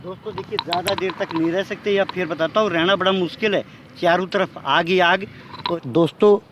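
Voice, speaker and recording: Eager high-voiced vlogger man. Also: steady tone, a little fast, background noise. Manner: eager, addresses viewers directly. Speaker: vlogger host. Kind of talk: on-location vlog interview. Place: outdoors at a fire-ritual site.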